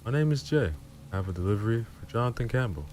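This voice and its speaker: A man's voice: fairly low pitch, animated, quick pace, a little mellow, a little hiss or hum, voice pushed up, close to an everyday voice. A man voicing a laid-back male truck driver in his late twenties with a slight drawl, in a horror story reading. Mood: easygoing.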